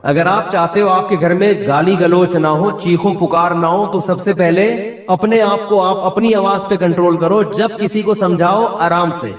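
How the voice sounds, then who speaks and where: A man's voice: high voice, fairly even intonation, far from the mic. Male preacher, Pakistani Urdu accent, raised voice, asks then answers, mimics quoted people, echoey hall. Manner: asks the audience questions and answers them. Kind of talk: Islamic sermon.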